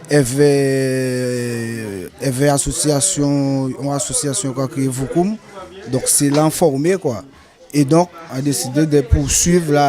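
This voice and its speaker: A man from Guadeloupe with a Guadeloupean Creole accent, speaking halting French mixed with Creole turns of phrase as a carnival group's artistic director. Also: medium pitch, warm tone. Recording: faint music behind.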